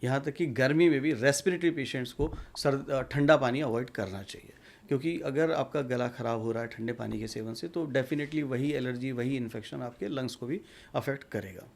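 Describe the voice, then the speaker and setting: Gravelly-voiced male doctor explaining calmly. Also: medium pitch. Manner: measured, explanatory, mixes English terms. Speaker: doctor, guest. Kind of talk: medical interview answers.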